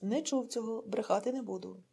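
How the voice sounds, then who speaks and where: A woman's voice: fairly high pitch, fairly quick, creaky, mellow, slightly rough. A woman voicing a restless, eager male village communist and war veteran who answers in a hurry. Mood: earnest.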